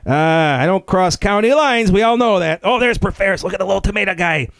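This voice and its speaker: Man doing a local guy, rambling and gushing, high and lively pitch, dry sound. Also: quick pace, creaky, no room sound. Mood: gushing nostalgic. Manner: rambling, gushing, easily excited, stumbling restarts. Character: excitable rambling nostalgic local Scranton guy, middle-aged man. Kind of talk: comedic character review.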